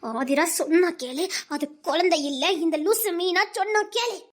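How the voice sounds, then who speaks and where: A woman's voice: very high voice, animated, normal speed. A woman voicing an exasperated village mother who scolds bluntly, with a Tirunelveli Tamil accent. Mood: scolding. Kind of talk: Tamil serial drama dialogue.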